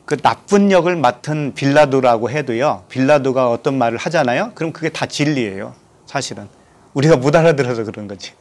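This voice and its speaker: Male pastor from Korea, mid-pitched, preaching; reads scripture and asks the congregation questions. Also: brisk. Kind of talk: sermon.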